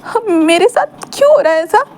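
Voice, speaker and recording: A woman with a high, warm, near-everyday voice, fairly quick and fairly even in intonation, plays a heartbroken young man crying as he pleads to be loved. The delivery is sobbing, stammering, and full of repeated words.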